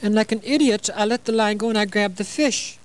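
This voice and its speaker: Fairly quick and with a clear, resonant, high-sitting voice, an older man from Illinois hosts a sewing segment on a TV show in the studio. He is chatty and playful, full of "you know" and joking asides, though the recording quality is low.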